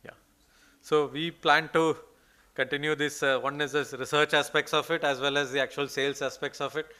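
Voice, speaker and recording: Speaking in Indian-accented English, a man presents research slides at a conference hall and then answers questions, hesitant and riddled with fillers and restarts. His fairly high voice is flat in delivery at a normal speed, bright and forceful, clear and resonant.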